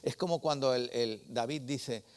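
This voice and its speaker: A male preacher delivers a sermon in a relaxed, storytelling tone. He talks to the congregation like a friend and keeps checking in with short questions. His voice sits at an ordinary, middle pitch for a man. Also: a little slow, clean tone.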